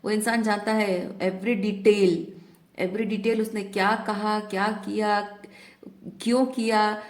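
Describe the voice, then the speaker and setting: A woman tarot reader talking reflectively in a spiritual guidance talk, often mixing in English words. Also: medium pitch.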